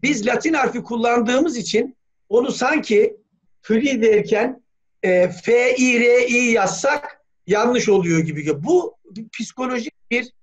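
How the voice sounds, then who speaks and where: A man speaking as a language scholar in an academic meeting, talking thoughtfully with many hesitations. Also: extremely high pitch. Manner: thoughtful, hesitant, frequent "e" fillers, spells words letter by letter. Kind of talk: academic discussion on a video call. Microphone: video call. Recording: dull lo-fi video call audio.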